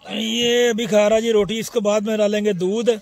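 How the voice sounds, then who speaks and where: A man's voice: high voice, flat delivery, moderate pace, gravelly, a little mellow. A middle-aged man with a Punjabi accent, chatting casually as he films a walk around his outdoor dairy farm on a phone held at arm's length, calling out to animals and children and adding a polite "ji" to his lines. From Pakistan. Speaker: farm vlogger.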